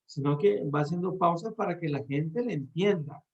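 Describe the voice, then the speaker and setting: A man's voice: on the high side, moderate pace, a little mellow. A man teaching a class on how to preach, talking directly to his listeners and often restarting his phrases. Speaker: preaching instructor. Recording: dull lo-fi sound.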